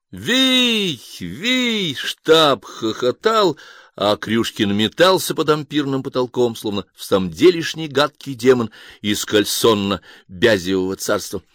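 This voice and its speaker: A man narrating an audiobook in a lively, theatrical reading. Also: lowish voice, no room sound, studio quality.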